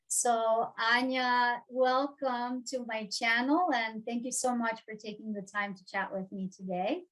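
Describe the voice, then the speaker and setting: A woman's voice: fairly high pitch, fairly bright tone, poor audio. A woman from Serbia in her thirties hosting a casual interview, chatty, with many fillers and restarts. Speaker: host.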